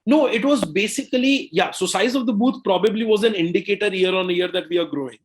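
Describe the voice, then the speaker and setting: A man from India, a company CEO, talking through business stories in an interview, with quick bursts and frequent "right?" and "you know". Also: sits high. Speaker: co-founder and CEO, podcast guest. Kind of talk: conversational interview storytelling.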